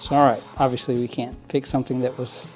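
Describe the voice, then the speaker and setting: Faint music plays behind a man with a mid-range, level, darkish voice who speaks at a quick pace. Hosting a model train hobby channel, he gives rambling how-to narration while cleaning a train at his work table, with lots of fillers, restarts, and frequent chuckles.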